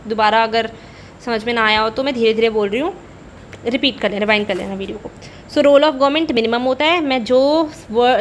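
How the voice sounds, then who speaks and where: A woman's voice: on the high side, a bit bright, a little hiss or hum. A woman teacher giving a conversational economics lecture, repeating key points and slipping between Hindi and English.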